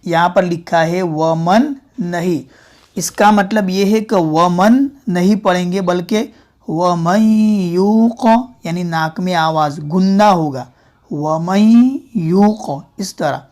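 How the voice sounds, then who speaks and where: A man teaching Quran reading step by step, repeating each example slowly and drawing out the sounds. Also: high-pitched. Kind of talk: step-by-step tajweed lesson.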